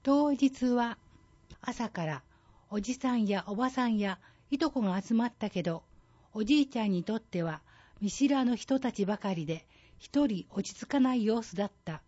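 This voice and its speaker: Woman, scripted storytelling narration, soft dark timbre, slightly lo-fi sound. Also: a little high, lively intonation, moderate pace.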